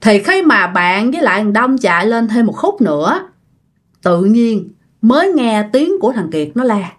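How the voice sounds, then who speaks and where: Southern vietnamese woman telling a ghost story, kinda high voice, super expressive, chatty. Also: moderate pace. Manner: chatty, addresses listeners directly. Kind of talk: casual ghost story retelling.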